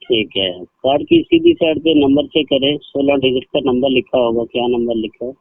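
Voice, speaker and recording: A man speaks over a tinny phone line. His voice is gravelly and slightly high, and it swings widely in pitch. He pushes on insistently, repeating short affirmations as he poses as a bank caller. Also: big pitch swings, moderate pace. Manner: smooth, insistent, repeats "ji ji" to keep the caller going. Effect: heard over a phone line. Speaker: scam caller posing as a bank officer. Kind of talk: phone call. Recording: tinny phone call recording.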